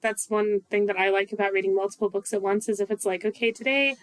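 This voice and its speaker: A woman's voice: mid-range voice, completely flat delivery, quick pace, no echo. This is a woman co-hosting a casual podcast, with a mid-range voice. She sounds chatty and enthusiastic, and she strings her thoughts together with lots of fillers. The recording is dry and close, with no room sound. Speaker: podcast co-host.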